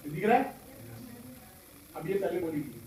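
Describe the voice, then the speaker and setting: A hoarse man leading a school workshop, quizzing pupils with call-and-response questions in a classroom. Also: fairly high pitch, very animated, a little slow, a little mellow, recorded from a distance. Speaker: workshop trainer. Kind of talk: classroom talk to students. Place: large echoing school classroom. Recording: echoey classroom taped from afar, student chatter. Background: students murmuring.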